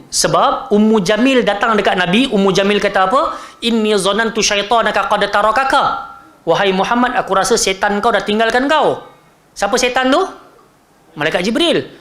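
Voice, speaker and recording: Animated high-voiced male religious teacher. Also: roomy sound. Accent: Malaysian Malay. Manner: animated, acts out quotes and asks the audience. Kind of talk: Malay-language religious lecture.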